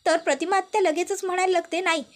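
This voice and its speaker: A woman narrating a retelling of a TV serial episode, moving the story along with steady linking phrases. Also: very high-pitched, brisk. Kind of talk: storytelling recap.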